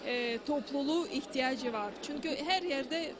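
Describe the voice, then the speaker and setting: A woman in her forties interpreting at an interview, with halting, non-native Turkish phrasing. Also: sits high. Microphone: handheld reporter microphone. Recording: noisy indoor event ambience.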